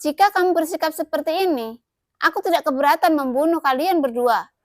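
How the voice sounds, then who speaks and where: A woman's voice: high voice, a little fast, no room sound, clean studio sound, lightly acted. Female narrator as an armored warrior in an audio novel; cold, curt, probing questions.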